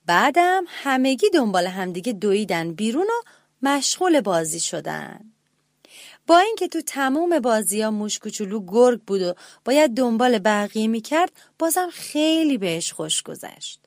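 A woman reading a children's story aloud in a gentle, expressive way and speaking directly to the children listening. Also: fairly high pitch, no room sound, clean studio sound.

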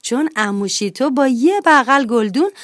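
A woman reading a children's storybook aloud in a lively, expressive way. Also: high voice, no echo, clean studio sound.

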